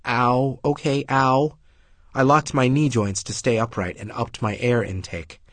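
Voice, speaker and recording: A man's voice: medium pitch, breathy edge, no room sound. A man narrating an audiobook in the first person, with a wry, understated delivery.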